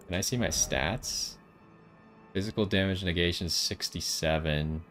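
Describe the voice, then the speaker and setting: A low-voiced man hosts a gaming video in a casual, musing way. He thinks aloud and puts questions to himself, with faint music behind him. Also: a little slow, fairly bright tone.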